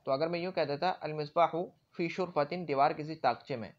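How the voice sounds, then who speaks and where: Fairly high-voiced male grammar teacher, muffled. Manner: explains with everyday examples and frequent check-ins. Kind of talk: classroom grammar lecture. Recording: dull lo-fi recording.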